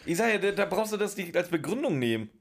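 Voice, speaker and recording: Guy cohost with a really high voice, mocking the plot, super unconvinced. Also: big pitch swings, quick pace, gravelly. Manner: incredulous, mocking commentary. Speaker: podcast co-host. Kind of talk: casual chat reviewing a radio play.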